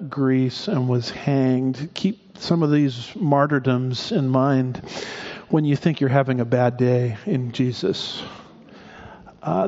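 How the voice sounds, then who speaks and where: A man's voice: medium pitch, darkish tone, dull audio. A man preaching a sermon as pastor, in a conversational way with asides and restarts.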